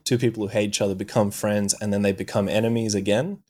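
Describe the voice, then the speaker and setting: A man's voice: fairly low pitch, steady tone, fast, darkish tone. A man co-hosting a movie podcast, casually retelling an anime plot with lots of swearing and fillers. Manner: swears freely, loose storytelling with many fillers. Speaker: podcast co-host.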